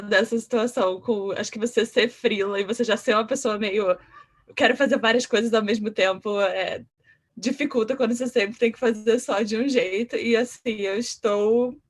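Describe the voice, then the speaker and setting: A woman's voice: fairly high pitch, slightly rough. A woman in her thirties with a Brazilian Portuguese accent, a comics artist chatting animatedly and self-deprecatingly on a panel. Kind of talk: casual panel chat.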